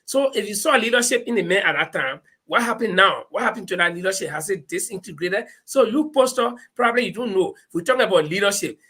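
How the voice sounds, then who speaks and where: A man with a Liberian accent hosting an animated live political discussion, speaking emphatically and repeating his phrases. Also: sits high, fast, few pauses, breathy edge. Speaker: panel host.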